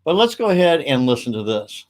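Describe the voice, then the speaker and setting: A man hosting a casual livestream, talking in a rambling, upbeat way with quick asides. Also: mid-range voice, big pitch swings. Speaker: livestream host.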